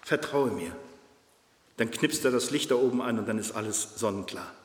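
A man preaching a fervent, emphatic sermon, leaping between loud high peaks and low hushed tones. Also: fast talker. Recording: reverberant hall.

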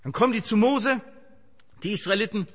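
A male preacher delivers an impassioned sermon and speaks straight to his congregation. His voice sits high and has a husky grain. A long church hall reverb trails behind every phrase. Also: fairly quick.

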